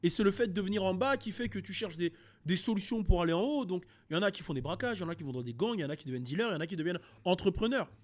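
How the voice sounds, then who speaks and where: A young man from France talks through rap news in a loose, animated way. His voice sits high, and he fills gaps with hesitations and quick restarts. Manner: animated, frequent fillers and restarts. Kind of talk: casual commentary video.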